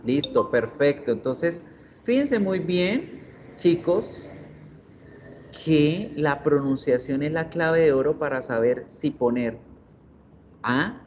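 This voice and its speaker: Man, teacher, online lesson, patient, repeats words slowly, medium pitch, muffled call audio. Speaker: English teacher. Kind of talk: online class explanation. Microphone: computer mic on video call. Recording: dull audio with faint noise.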